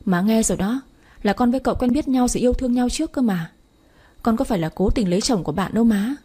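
A woman's voice: fairly high pitch, quick pace, dark tone, breathy edge. A woman reading the part of a young daughter who pleads and apologizes to her mother. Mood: tearful pleading. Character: tearful young daughter in love. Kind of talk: audiobook story reading.

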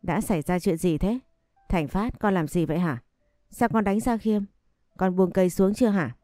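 A woman's voice: on the low side, moderate pace, dark tone, no room sound, studio quality, soft background music, lightly acted. A woman voicing a strict old grandmother who commands her family. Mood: stern.

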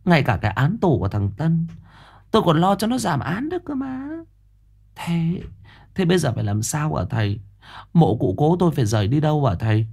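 An anxious, wealthy middle-aged mother in a told ghost story, pleading politely and fawning over the fortune-teller. Her voice is raised and softened, as a man narrates her. She speaks with nervous deference. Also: a little high, very animated, brisk, creaky, husky, voice pushed up, heavily acted.

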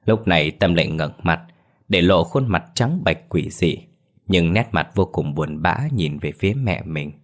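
Deep-voiced man narrating a horror story. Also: lively intonation, unhurried.

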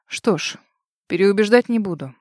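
Quiet, controlled young nobleman, as a woman reads him; low, even voice in a dry, close sound. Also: moderate pace, no echo, natural voice. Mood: cold. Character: calm, cold-voiced young nobleman, a commander.

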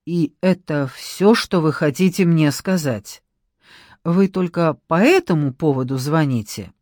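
A woman's voice: low voice, a little slow, a little mellow, no room sound, studio quality. A woman reading an audiobook, voicing a stern middle-aged woman who talks in an indignant, curt, commanding way.

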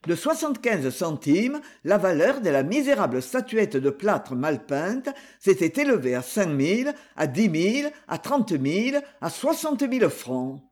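A man with a husky voice reading an adventure novel aloud as an expressive, scripted narration. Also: high voice, unhurried, few pauses. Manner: expressive storytelling. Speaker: audiobook narrator.

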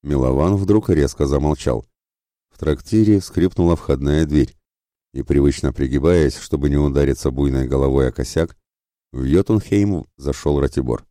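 A male audiobook narrator telling a fantasy story in a steady storytelling manner. His voice is extremely deep and dark. The recording is dry and close. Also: moderate pace, no echo. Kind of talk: scripted narration.

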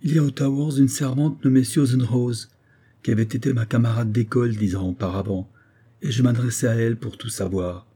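A man's voice: medium pitch, fairly even intonation, a little fast, dark tone, husky. A man reading an audiobook voices a tender carpenter's wife who pleads tearfully and speaks deferentially, calling her listener "sir". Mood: sorrowful. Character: tender, tearful carpenter's wife, middle-aged servant woman.

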